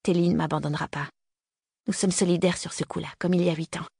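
A woman narrating a novel in the first person, tense and hushed in narration and livelier in dialogue. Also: lowish voice, fairly even intonation, fast, vocal fry, slightly rough, dry recording, clean studio sound. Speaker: audiobook narrator.

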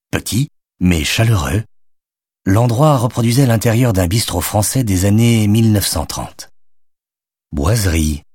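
A man narrating a novel as an audiobook, reading in an expressive storytelling manner on a close microphone. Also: sits low, slightly rough, no echo. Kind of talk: scripted narration.

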